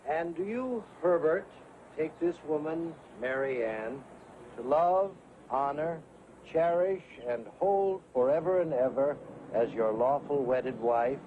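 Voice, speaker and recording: A solemn wedding officiant. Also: male voice, fairly high pitch, animated, phone-quality sound, a little hiss or hum. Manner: slow, measured ceremonial delivery.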